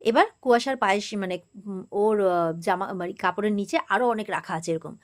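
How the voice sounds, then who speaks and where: Speaking a little fast at a medium pitch, a woman hosting a TV serial recap channel tells the story casually in a West Bengal accent. She keeps it chatty and informal, slipping into quoted dialogue.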